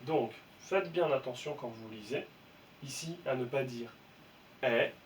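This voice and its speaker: A man teaching a young class to read, slowly and patiently spelling out letters and sounds. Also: medium pitch. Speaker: primary school teacher. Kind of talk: reading lesson for young children. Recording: voice from some distance, faint room noise.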